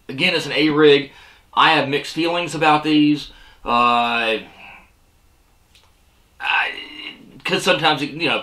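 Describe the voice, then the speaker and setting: A middle-aged man chats easily through a product review, full of "uh"s and asides. His voice is bright and forward. He sits at a desk in a small room facing the camera. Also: medium pitch. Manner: rambling, filler-heavy, easygoing. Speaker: fishing channel host. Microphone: seated at desk facing camera.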